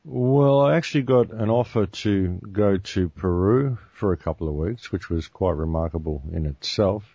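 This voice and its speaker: A deep-voiced Australian man talks as a guest, rambling easily through his story with restarts along the way. The sound is dry and a bit muffled, with no room around it. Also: moderate pace, warm tone, breathy edge, dry recording. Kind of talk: casual interview talk.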